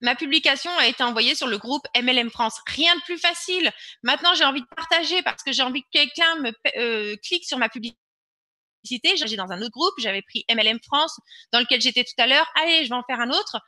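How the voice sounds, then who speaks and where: Bright, high-voiced woman presenting a webinar. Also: animated, brisk, no echo. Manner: insistent, repeats words for emphasis. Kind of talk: online webinar with screen-share demo.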